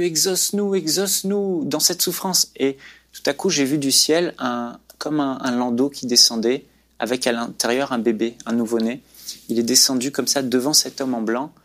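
Male guest, earnest preacherly storyteller, faith testimony. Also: medium pitch.

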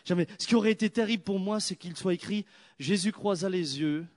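Animated, high-voiced man preaching a sermon. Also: brisk. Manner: animated storytelling, swinging from loud exclamations to hushed prayer.

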